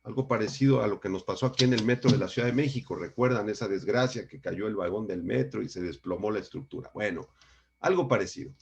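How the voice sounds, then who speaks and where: A man's voice: on the low side, fast talker, vocal fry. Man, pastor giving a Bible lesson, emphatic, repeats for emphasis. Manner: emphatic, repeats key words, addresses listeners as brothers. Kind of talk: Bible study teaching.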